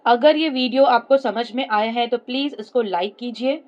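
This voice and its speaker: Indian-accented female teacher, slightly high voice, call-and-response explaining. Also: moderate pace, a little mellow, lo-fi sound. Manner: asks and answers her own questions. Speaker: English teacher. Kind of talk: classroom-style explanation mixing Hindi and English.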